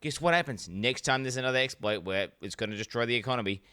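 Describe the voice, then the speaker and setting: A man reacts as a streamer in a casual, blunt way. His voice is forward and crisp, and he argues with plenty of swearing. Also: mid-range voice, fast, sharp tone. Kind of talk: casual livestream reaction commentary.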